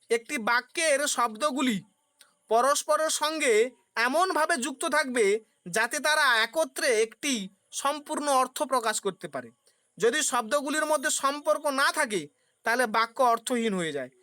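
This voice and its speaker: A woman's voice: high-pitched, pushed and bright, no echo. A woman teaching a philosophy exam-prep class. She poses questions, answers them herself, and uses everyday examples.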